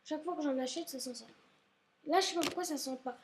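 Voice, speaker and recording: A chatty young vlogger with a high voice talks quickly at home, indoors, with slight background noise. She casually shows her school supplies, rambling and frequently apologizing, and sounds a bit sick, perhaps with a stuffy nose.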